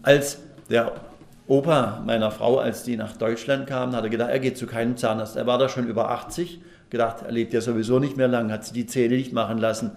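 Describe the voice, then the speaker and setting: A man's voice: mid-range voice, little pitch movement, brisk, gravelly, a little mellow. A middle-aged man preaching a sermon at a lectern, folksy and chatty, asking the congregation questions. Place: church hall at a lectern. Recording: echoey room.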